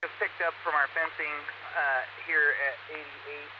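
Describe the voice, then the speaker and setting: Man on a walkie-talkie over loud noise. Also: on the high side, little pitch movement, unhurried. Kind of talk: two-way radio traffic. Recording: dull radio with loud vehicle noise.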